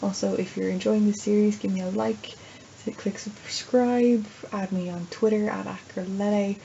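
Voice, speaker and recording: Irish woman, casual video diary, very soft mellow tone, self-deprecating, dull lo-fi sound, faint noise behind. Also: mid-range voice, steady tone, moderate pace, creaky. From Ireland. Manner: rambling, self-deprecating, playful. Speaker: vlogger and writer.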